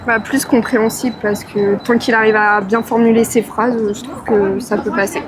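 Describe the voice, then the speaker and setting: A woman's voice: a little high, steady tone, normal speed, background noise. A woman answering a street interview eagerly. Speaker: passerby.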